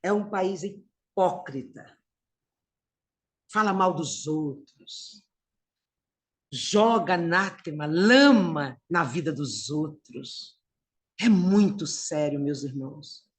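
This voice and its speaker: A woman's voice: low-pitched, lively intonation, slow pace, pauses often. A middle-aged woman from Brazil giving a conversational spiritist lecture, calling her listeners brothers and sisters.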